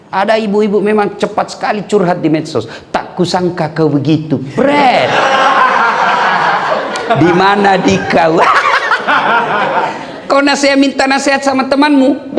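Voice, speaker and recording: A man's voice: fairly high pitch, slight background noise. A male preacher giving a humorous sermon, telling jokes and stories and acting out the voices of different characters. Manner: animated, joking storytelling with acted-out voices.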